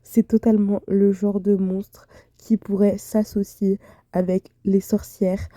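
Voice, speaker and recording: Gushing young woman with a dark, mellow voice. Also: mid-range voice, little pitch movement, slow pace, dry recording. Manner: gushing, slangy, rambling. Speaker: YouTuber. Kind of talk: casual fan commentary.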